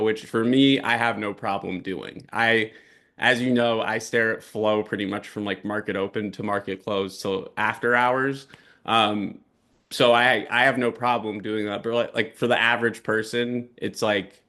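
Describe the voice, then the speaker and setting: Man from the bay area, interview guest, low-ish bright forceful voice, relaxed, says "like" a lot. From San Francisco Bay Area, California. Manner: relaxed, peppers speech with "like". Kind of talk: casual interview talk.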